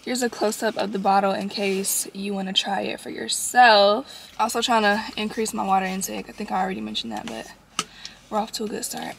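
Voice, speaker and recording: A woman's voice: medium pitch, fairly even intonation, fairly quick, gravelly. A woman vlogging casually to her viewers, a working mom who has just woken up and sounds sleepy, repeating phrases for emphasis. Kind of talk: casual chatty vlog. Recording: echoey room with faint noise.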